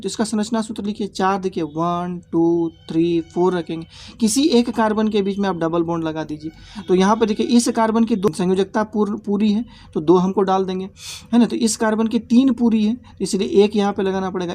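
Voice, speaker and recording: A man's voice: high-pitched, a little mellow. A male teacher giving a step-by-step classroom lesson, repeating key points and checking understanding with short tag questions.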